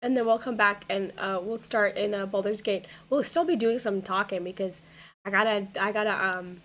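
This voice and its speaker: Hoarse young woman streamer rambling. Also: medium pitch, fairly even intonation, normal speed, fairly bright tone. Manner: rambling, filler-heavy, repeats words. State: hoarse, losing her voice. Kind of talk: casual chat with viewers. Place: home gaming room.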